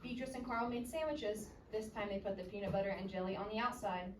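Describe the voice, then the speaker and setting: A woman reads aloud from a children's story fast, her medium-pitched voice expressive and her manner interactive and questioning, much like a teacher. Captured at a distance, the room sounds echoey and noisy.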